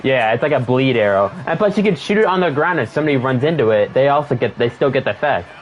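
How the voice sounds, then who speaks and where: Fast-talking male gamer. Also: mid-range voice, animated, lo-fi sound, slight background noise. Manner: rambling, talks over the game, repeats words. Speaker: streamer playing a football video game. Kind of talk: casual chat while gaming.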